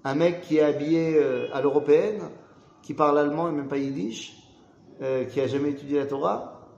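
A man's voice: on the high side, normal speed, vocal fry, a little mellow, echoey room, dull audio, slight background noise. A man teaching an interactive Torah class, putting questions to the group and acting out the people he quotes.

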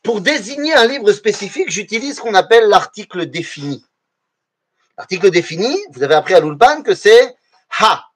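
A man's voice: high voice, moderate pace, slightly rough. A man teaching a lesson to his students, explaining things step by step and often throwing questions back at the class. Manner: animated, asks the class rhetorical questions.

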